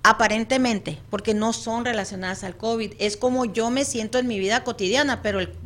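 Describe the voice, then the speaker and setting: A woman's voice: a little high, a little fast, slight background noise. A woman counselor, a guest on a radio talk show, chatty and laughing often. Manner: chatty, laughs often, acts out clients' voices.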